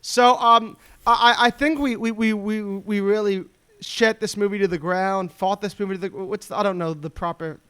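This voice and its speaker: A man's voice: high-pitched, steady tone, normal speed, fairly bright tone, clear, resonant tone. A male podcast co-host in casual chat, joking, laughing often and stumbling over repeated words. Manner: jokey, laughs often, stammers and repeats himself.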